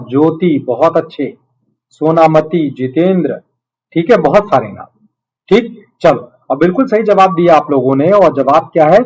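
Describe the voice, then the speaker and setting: A man's voice: fairly high pitch, dull audio. A man teaching a live online quiz lesson, explaining simply and step by step as if to children, encouraging them and often checking they follow. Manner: encouraging, addresses students as children, frequent check-in tags.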